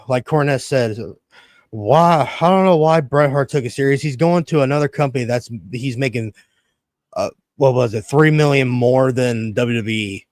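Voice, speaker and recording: Medium-pitched and a little slow, a man in his early thirties talks with no room sound. He hosts a casual podcast full of rants and stories, swearing freely and acting out his reactions as quotes.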